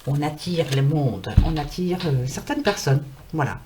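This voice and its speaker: Reading tarot cards casually to camera, a French woman sounds chatty and reassuring, using plenty of fillers. Her low, expressive voice is unhurried but scratchy, as if it is fading away.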